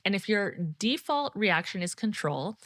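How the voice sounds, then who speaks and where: A woman's voice: medium pitch, big pitch swings, normal speed, fairly bright tone, no echo, clean studio sound. A woman in her thirties hosting a podcast, coaching leaders directly and addressing the listener as a friend. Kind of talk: scripted solo podcast teaching.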